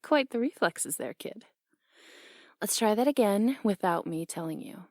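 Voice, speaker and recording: A young woman voicing a brash, teasing tomboy boxing coach in an audio role-play, blunt and quick to laugh. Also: mid-range voice, lively intonation, dry recording, clean studio sound.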